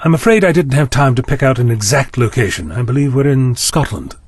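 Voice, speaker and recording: An actor in an audio drama playing the Doctor, a persuasive, gently wry male time traveller. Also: medium pitch, expressive, a little fast, breathy edge, no room sound. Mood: wry, musing.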